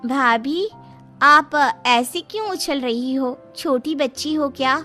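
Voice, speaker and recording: A woman's voice: high-pitched, slow, sharp tone, faint music behind, full character voice. A woman voicing a cheeky young sister-in-law who wheedles in a cartoon story.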